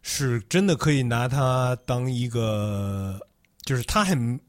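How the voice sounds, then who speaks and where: A man's voice: medium pitch, expressive, takes it slowly, slight background noise. A man in casual conversation, agreeable and often chiming in with short affirmations.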